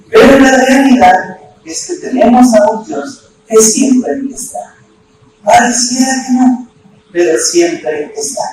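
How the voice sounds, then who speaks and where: Male preacher, very high and lively, bursts into shouts, far off in an echoey church with room noise. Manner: animated, shouting at emotional peaks. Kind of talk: sermon with storytelling.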